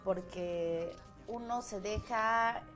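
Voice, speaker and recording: A woman's voice: medium pitch, drawn-out words, a bit bright, faint music behind. A woman talking casually as a guest on a television studio chat show.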